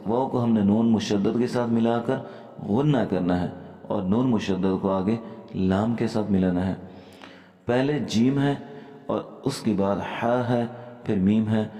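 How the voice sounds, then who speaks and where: A man with a low, mellow voice gives a calm, methodical lesson on reciting the Quran, breaking each word into its letters. Between explanations he recites verses slowly and draws them out. The recording sits in an echoey room with a long, lingering reverb.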